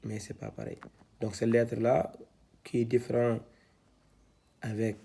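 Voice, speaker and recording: A man teaching Quran reading, spelling out syllables one by one, halting and repeating himself with many fillers. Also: mid-range voice, little pitch movement, gravelly, dark tone, slightly rough. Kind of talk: step-by-step lesson, spelling out syllables.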